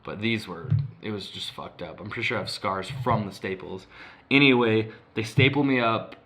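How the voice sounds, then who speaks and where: A man's voice: fairly low pitch, moderate pace, a bit bright. A young man co-hosting a podcast, telling a long story in a rambling, casual way, with lots of swearing and filler words. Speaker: podcast co-host.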